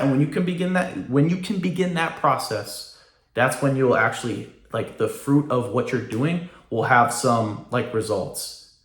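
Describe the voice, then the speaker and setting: A man's voice: medium pitch, a bit bright. A man ranting casually to his viewers, emphatic and forever checking in with "right?". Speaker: vlogger. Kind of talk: casual rant to camera. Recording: roomy echo.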